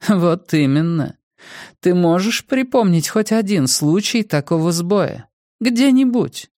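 A man's voice: high voice, lively intonation, slow pace, darkish tone, no echo, voice pushed up. A man voicing a commanding older woman politician who speaks with cold, dry irony. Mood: cold, ironic. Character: aging female political leader, cool and ironic.

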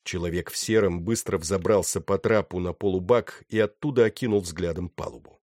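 A man narrating a novel with steady, dramatic storytelling. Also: low-pitched, a little fast, dry recording, clean studio sound. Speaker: audiobook narrator. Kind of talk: scripted narration.

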